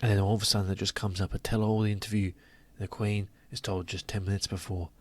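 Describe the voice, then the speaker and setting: A man's voice: lowish voice, level tone, fast talker. A man giving scornful, sarcastic commentary to his audience, stretching words for emphasis. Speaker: commentary channel host. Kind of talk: opinionated commentary.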